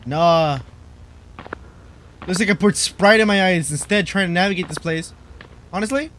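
Young male gaming host, bright, jokey let's-play commentary, faint background noise. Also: high-pitched, moderate pace, rough recording. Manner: goofy, jokey running commentary.

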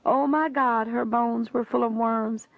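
A woman's voice: on the high side, fairly even intonation, unhurried, gravelly, no room sound. A woman reading a religious testimony aloud in an earnest, preachy way, calling the listener her friend. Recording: dull, dry lo-fi recording.

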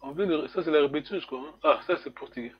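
Male language teacher, high voice, halting and repetitive delivery, dull lo-fi sound. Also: slightly rough, faint music behind. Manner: hesitant, repeats words, chuckles often. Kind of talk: classroom explanation.

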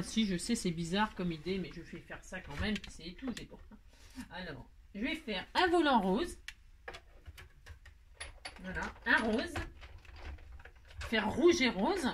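Working through a chatty crafting tutorial, a French woman talks to herself, sighing in exasperation and laughing softly. Her voice sits at medium pitch, with slight background noise.

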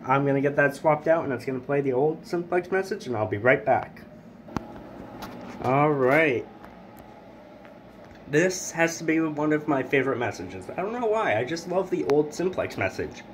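A man's voice: a little high, animated, moderate pace, slight background noise, poor audio. A man chatting casually as he hosts a hobby equipment demonstration, recorded indoors on a handheld camera. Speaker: hobbyist video host. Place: indoors, beside plywood test board.

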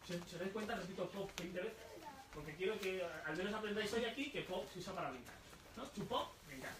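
A man presenting his book at a live bookshop talk, explaining slowly, repeating words and asking the audience questions. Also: high-pitched, expressive, noisy background. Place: bookshop event room. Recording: echoey room, voice from far off.

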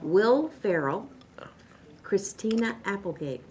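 A middle-aged woman teacher playing a movie trivia game, chatting in a lively way with exclamations. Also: medium pitch, takes it slowly, slight background noise. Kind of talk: casual trivia game chat.

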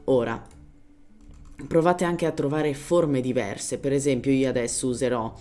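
This gaming tutorial host is a man from Germany whose first language is German, and his commentary is casual and informal. His medium-pitched voice stays steady and unhurried, darkish in tone, with faint music behind it. He gropes for words in Italian and mixes in English terms.

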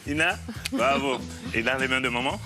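A man in his thirties with a medium-pitched, expressive voice and a moderate pace works as a fitness coach on a TV parenting show. Moving around a living-room style studio with music in the background, he playfully and encouragingly demonstrates exercises to a mother and her young child.

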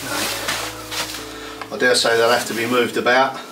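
A man's voice: medium pitch, flat delivery, measured pace, over music, poor audio. A man, chatting to viewers as he renovates a stone cottage indoors and in a cold garden. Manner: cheerful, talks to viewers as he works. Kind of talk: casual chatty narration while working.

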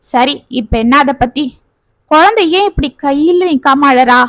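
Woman reading as a headstrong young mom, high voice, dry close sound, proud and quick to push back. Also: lively intonation, fairly bright tone, dry recording. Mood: anxious. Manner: defiant, anxious. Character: young mother, proud and stubborn.

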